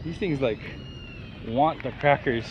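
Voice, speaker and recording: Laid-back male travel vlogger, mid pitch, outdoor camera audio with clear street noise. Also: measured pace, lo-fi sound. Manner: excited, laid-back, narrating while walking. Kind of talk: casual vlog chat. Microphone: handheld camera.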